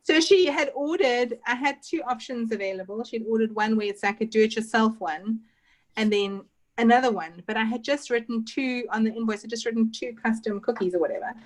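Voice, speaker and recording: A woman's voice: on the high side, fairly quick, poor audio. A young woman teaching an online baking class, chatting casually and a bit scattered, with lots of "like". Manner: chatty, scattered, says "like" often. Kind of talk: casual chat while teaching a video-call class. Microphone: computer mic on a video call.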